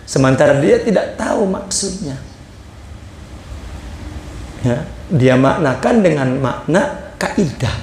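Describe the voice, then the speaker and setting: Slow, high-voiced Indonesian religious teacher. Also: male voice, animated, darkish tone, reverberant, slight background noise. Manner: reads a phrase of the text, then explains it in plain words. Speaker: religious teacher reading a Sufi text. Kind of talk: religious lesson, reading and explaining.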